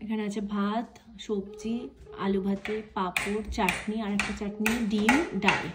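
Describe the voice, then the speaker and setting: A woman's voice: medium pitch, little pitch movement, measured pace. A woman vlogging her hill trip, chatting to viewers as she shows food, rooms and views. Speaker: travel vlogger. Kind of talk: casual travel vlog narration. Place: outdoors in hills and indoors at homestays. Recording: phone vlog with clear ambient noise.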